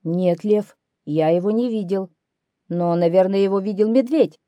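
A woman's voice: medium pitch, normal speed, warm tone, no echo, close to an everyday voice. A woman voicing a cautious male snow leopard in a storybook reading, speaking in an earnest, questioning way. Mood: anxious.

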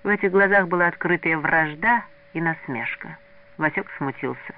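A man reading a story aloud in an expressive way. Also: on the high side, moderate pace. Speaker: narrator. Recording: narrow lo-fi radio recording.

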